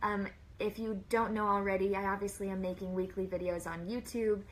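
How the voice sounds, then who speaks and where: A woman's voice: mid-range voice, steady tone, brisk, a little hiss or hum, poor audio. A woman hosting a casual live stream from a plain room, chatting and greeting viewers one by one by name.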